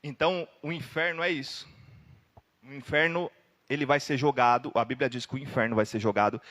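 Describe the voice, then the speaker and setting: A Brazilian man preaching in a church hall, and his voice rings with a long reverb. He tells his story dramatically and breaks into sudden loud outbursts. His pitch sits around the middle for a man. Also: steady tone, brisk. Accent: Brazilian Portuguese. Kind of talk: sermon.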